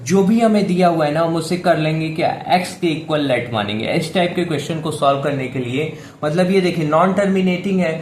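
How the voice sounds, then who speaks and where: A man's voice: a little high, lively intonation, a little fast, few pauses. Patient male math teacher, echoey room. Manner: patient, repeats questions to the viewer, says "theek hai" often. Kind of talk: step-by-step classroom explanation. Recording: echoey room with faint background hiss.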